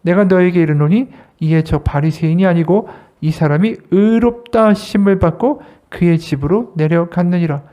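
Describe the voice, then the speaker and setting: Preaching a sermon at a church service, the associate pastor speaks at medium pitch with lively delivery that rises and falls. He frequently poses rhetorical questions to the congregation.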